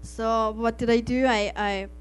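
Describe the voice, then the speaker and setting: Speaking a little slowly in a slightly high, steady voice, this woman shares an earnest missionary testimony with an audience while faint music plays behind her. She is middle-aged, from Austria, a native German speaker, and she laughs frequently and restarts phrases.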